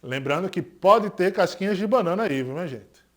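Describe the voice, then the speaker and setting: A man's voice: high voice, expressive, normal speed. A male English teacher with a Pernambuco Brazilian Portuguese accent gives a recorded lesson, asking students questions and confirming each point. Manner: didactic, asks students rhetorical questions and confirms with "certo?"; stresses English example words more loudly.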